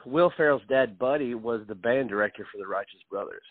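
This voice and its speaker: A man interviewing a comedian, eager and friendly, with frequent laughs and halting restarts. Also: mid-range voice, breathy edge, no echo. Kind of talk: casual interview chat. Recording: tinny phone-line sound, dry.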